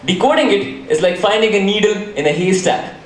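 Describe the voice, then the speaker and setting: Guy doing a dramatic young hacker, fairly high voice, echoey stage sound. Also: lively intonation, a little fast. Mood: explaining. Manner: dramatic, self-questioning. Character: young male hacker, boastful then guilt-ridden. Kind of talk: school stage play. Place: large school hall. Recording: echoey hall from far off, faint noise.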